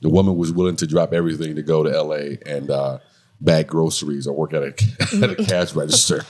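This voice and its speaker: Deep-voiced joking man. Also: a little fast, darkish tone. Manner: joking, teasing, laughs often. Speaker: podcast co-host. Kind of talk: casual chat.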